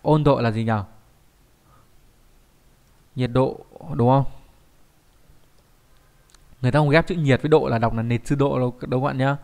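A man's voice: medium pitch, steady tone, normal speed, vocal fry, pauses often, darkish tone. A man teaching an online kanji lesson, who keeps asking the class rhetorical check questions.

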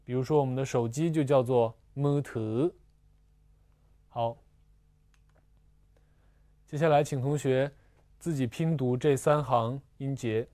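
A man teaching a language lesson, slowly explaining spelling and pronunciation with patient repetition and small fillers. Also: mid-range voice, steady tone, mellow, no room sound, studio quality. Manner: slow and patient, repeats syllables twice, fillers like "啊" and "呃". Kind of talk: slow, deliberate classroom explanation.

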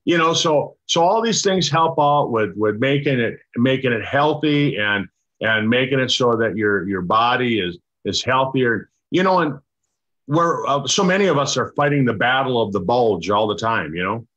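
Older man explaining haltingly on a dull call. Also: mid-range voice, animated, a bit bright. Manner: halting, many restarts and fillers, explaining. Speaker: doctor presenting a product. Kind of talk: casual explanatory chat on a video call. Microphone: video call. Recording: dull lo-fi video call audio.

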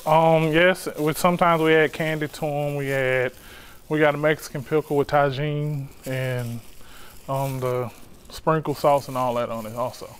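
A man's voice: fairly high pitch, level tone, moderate pace, clean tone. Laid-back man, guest snack seller. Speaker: snack shop owner, guest. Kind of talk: casual TV guest talk. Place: TV studio kitchen set.

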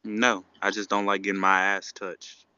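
A man's voice: fairly low pitch, level tone, normal speed, bright, forceful tone, clean tone, no room sound, dull audio. A man on a livestream call, talking bluntly and defensively and swearing freely. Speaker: livestream guest. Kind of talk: casual crude chat.

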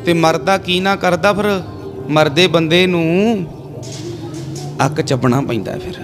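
A man preaches to a gathered congregation in a fairly high voice, telling a story and pausing to put questions to his listeners. He guides them through call-and-response chanting. Faint music sits under his speech. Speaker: Sikh preacher leading a congregation. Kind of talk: sermon storytelling.

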